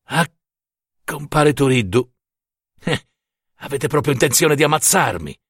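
A man voicing a grim, vengeful peasant husband in a storybook reading, speaking low and curt. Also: animated, measured pace, a bit bright, breathy edge, dry recording, clean studio sound, heavily acted. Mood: menacing.

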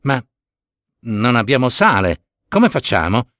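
A man's voice: mid-range voice, big pitch swings, slow, a bit bright, no echo, studio quality. A man voicing an old king in a storybook reading, with exclamatory, exuberant speech. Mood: worried. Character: excited old king, overjoyed.

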